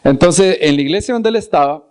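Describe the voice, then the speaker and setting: Male preacher, slightly high voice, lively storyteller who acts out scenes. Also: fairly quick, smooth. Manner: repeats words for emphasis. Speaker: preacher and Bible teacher. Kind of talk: storytelling sermon.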